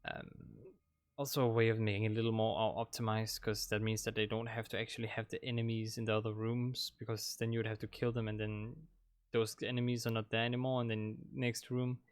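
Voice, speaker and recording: This young man's lowish voice is monotone and brisk as he wraps up a game playthrough for his channel in a Danish accent. The commentary is casual and rambling, riddled with fillers and restarts. There is no echo on the desk-mic audio.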